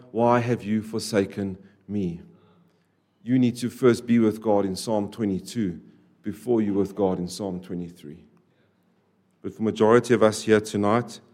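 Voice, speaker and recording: A man preaching a sermon to a church, repeating key phrases and swinging between loud, stressed lines and quiet, dropped endings. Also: mid-range voice. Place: church service.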